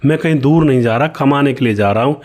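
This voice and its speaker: A man's voice: mid-range voice, fast talker, darkish tone, natural voice. A man voicing an earnest, devoted young son from a village, speaking in a reassuring way while telling a story.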